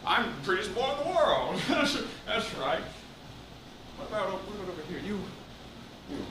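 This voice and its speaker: A man's voice: high-pitched, big pitch swings, distant mic. A man playing a vain, preening pretty boy in boastful, theatrical live character comedy, recorded in an echoey, noisy room. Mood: smug, teasing. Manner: boastful, drawn-out theatrical delivery. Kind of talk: absurd live character comedy with crowd work.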